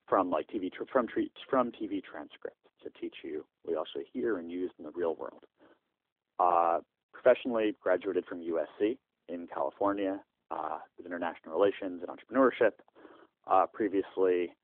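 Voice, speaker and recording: Deep-voiced man on a tinny landline phone. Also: dry recording. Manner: halting, frequent "uh" fillers and restarts. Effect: heard over a landline phone. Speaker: startup founder interviewed by phone. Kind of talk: phone interview answers.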